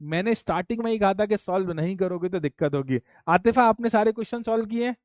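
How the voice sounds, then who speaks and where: A man's voice: high-pitched, quick pace, no room sound. A male teacher, teasing his students playfully and calling out their names on an online class video call.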